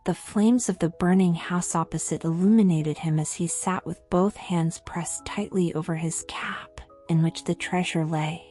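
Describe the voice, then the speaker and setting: A woman narrating a fairy tale for sleep in a soothing, measured manner that softens to a hush at the ends of phrases. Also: lowish voice, steady tone. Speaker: storyteller. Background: music.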